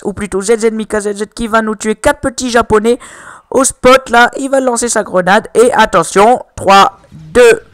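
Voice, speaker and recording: A young man putting on a mock Chinese accent to announce gaming highlights, slow and drawn-out. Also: a bit bright, clean tone, no echo. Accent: put-on Chinese accent over French. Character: excitable male game-clip commentator with a mock Chinese accent. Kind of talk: gameplay highlight commentary.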